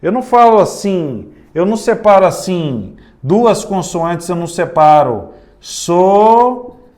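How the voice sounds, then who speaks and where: Slow-talking Brazilian male teacher, high voice. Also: expressive, a little mellow. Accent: Brazilian Portuguese. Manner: addresses the class often, spells out words slowly syllable by syllable. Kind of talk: exam-prep grammar lesson.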